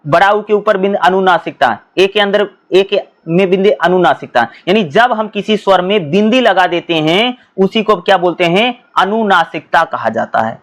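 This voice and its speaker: Man, high-pitched voice, exam-prep teacher, repeats himself, self-answered questions. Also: normal speed, few pauses. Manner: often repeats himself and addresses students as bhai. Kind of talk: explanatory exam lesson.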